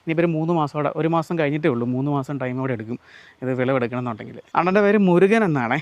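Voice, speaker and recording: Quick-talking Malayali man vlogging outdoors. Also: on the high side, expressive, no echo. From Kerala. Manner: chatty, explains to viewers and mixes in Tamil words. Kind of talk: casual walk-through vlog. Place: outdoors on a farm.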